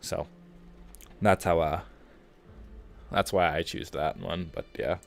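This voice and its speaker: A man's voice: deep voice, slow, vocal fry. A man streaming a video game, chatting casually and rambling to his viewers. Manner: rambling, chatty, laid-back. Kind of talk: casual gaming stream chat.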